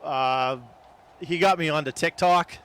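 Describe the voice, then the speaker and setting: A man's voice: fairly high pitch, unhurried, a bit bright. A man chatting casually as a guest in an interview recorded outdoors. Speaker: podcast guest, barbecue promoter. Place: outdoors at a market. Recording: outdoor recording with clear traffic noise. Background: vehicles and outdoor ambience.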